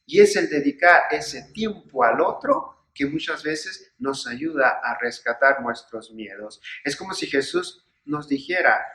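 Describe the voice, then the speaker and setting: A man's voice: a little high, big pitch swings, a little slow, hardly any pauses, fairly bright tone. A man speaking as a priest in a sermon-style reflection, earnest and building his points through repeated phrases and rhetorical questions. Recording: echoey room.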